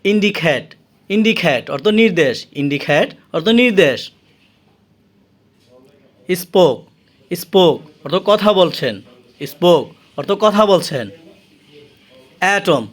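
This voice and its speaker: A man with a Bangladeshi accent teaching English vocabulary, saying each word slowly and repeating it with its meaning. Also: high voice.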